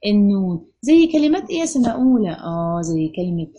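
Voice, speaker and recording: Woman, Egyptian accent, primary teacher, mellow voice, a bit husky, question-and-answer drill, stretched-out words. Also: medium pitch, big pitch swings, fast talker, dull audio. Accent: Egyptian Arabic. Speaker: primary school Arabic teacher. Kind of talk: children's phonics lesson.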